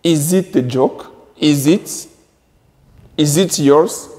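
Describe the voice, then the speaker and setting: Man, English teacher, very slow drilling delivery, somewhat high voice, long room reverb. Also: a little mellow. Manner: drills words by repeating them slowly. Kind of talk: slow classroom explanation at a board.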